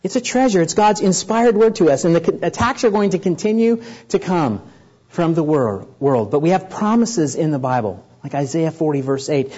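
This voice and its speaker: A man preaching a sermon to a congregation, earnest and building up in pitch and volume to stress his points. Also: a little mellow, breathy edge, lo-fi sound. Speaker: pastor.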